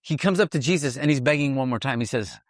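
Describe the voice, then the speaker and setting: A man's voice: mid-range voice, quick pace, no room sound, studio quality. A man hosting a conversational Bible teaching outdoors, explaining eagerly and often restarting his sentences. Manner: animated explainer with frequent restarts. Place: outdoors at ancient hilltop ruins.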